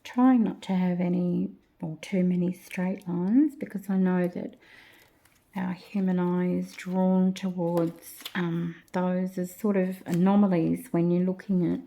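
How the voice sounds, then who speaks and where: A woman hosting a craft tutorial, chatting to herself as she works and often dropping into soft whispers. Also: lowish voice, fairly even intonation, unhurried, vocal fry. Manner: chatty, talks to herself while working, drops into soft whispers. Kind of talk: casual craft tutorial narration.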